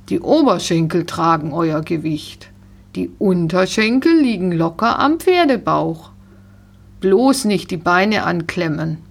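A woman voicing a friendly, firm male riding instructor in a storybook, calmly giving commands. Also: fairly low pitch, creaky, heavily acted.

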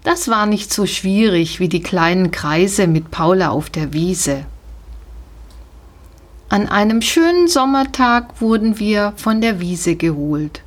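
A woman narrating a children's storybook in a calm, gentle, measured way. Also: mid-range voice. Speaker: audiobook narrator. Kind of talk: scripted storybook narration, first person as a horse.

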